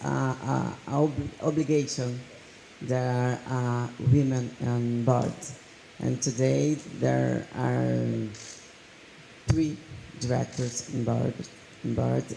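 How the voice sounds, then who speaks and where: A woman whose first language is Portuguese, speaking haltingly on a panel and searching for words. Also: rumbling low, gravelly, dark tone, a little hiss or hum. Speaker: federation vice president, panelist. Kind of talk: panel discussion. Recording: echoey room with faint ambience.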